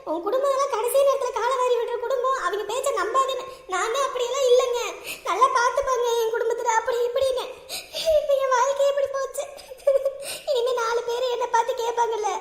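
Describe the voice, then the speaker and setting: A woman playing a bitter married daughter who sarcastically blames her family for her ruined life, in a comedy skit. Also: very high voice. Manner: scolding, accusing, sarcastic. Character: bitter wronged married daughter, sent away by her husband. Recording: echoey room with long reverb.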